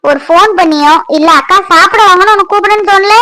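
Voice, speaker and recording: A woman's voice: extremely high pitch, fast, sharp tone, rough recording. A woman voicing a demanding, bossy young sister-in-law in a cartoon, scolding. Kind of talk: Tamil cartoon voice acting.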